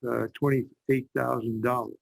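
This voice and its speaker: A man's voice: mid-range voice, flat delivery, measured pace, creaky, no echo. A man chairing a school board meeting, plainspoken and rambling. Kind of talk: meeting discussion.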